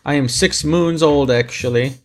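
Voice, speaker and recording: Man putting on a childlike alien in halting English. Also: medium pitch, close to an everyday voice. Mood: earnest. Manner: halting broken English, slow and deliberate. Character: odd small alien crew recruit, eager, childlike.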